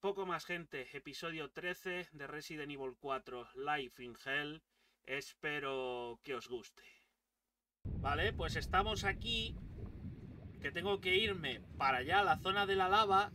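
A man with a Spain Spanish accent giving excitable, swearing let's play commentary as a gaming YouTuber. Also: a little high, a little slow, recorded from a distance, slight background noise. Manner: excitable, swears and shouts at the game.

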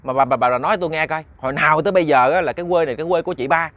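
A man's voice: a little high, rapid-fire, fairly bright tone, no echo, close to an everyday voice. A man voicing a worried, hot-tempered old village man who pleads and stammers. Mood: alarmed. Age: older. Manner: pleading, then agitated and stammering.

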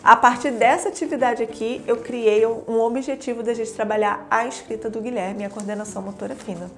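A woman's voice: on the high side, steady tone, fairly quick. A young adult woman with a Brazilian Portuguese accent explains teaching materials in a casual, chatty way, often checking in with tag questions.

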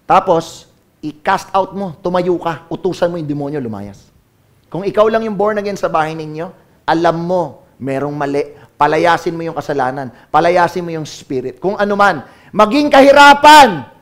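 A Filipino pastor preaches a sermon at normal speed, mixing English into his talk and calling on the congregation to answer. He swings between loud calls and low, quiet asides.

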